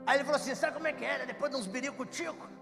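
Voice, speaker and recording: A Brazilian man, a pastor, telling jokey stories in a sermon that builds to shouted preaching in a church. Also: extremely high pitch, very fast, gravelly. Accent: Brazilian Portuguese. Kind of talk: sermon with storytelling. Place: church hall. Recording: reverberant church hall with music.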